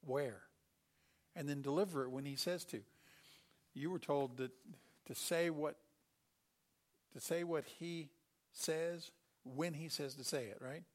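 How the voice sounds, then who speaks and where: A middle-aged man preaching a sermon, telling Bible stories with animated delivery and acting out the characters. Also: fairly high pitch, a little slow, long pauses.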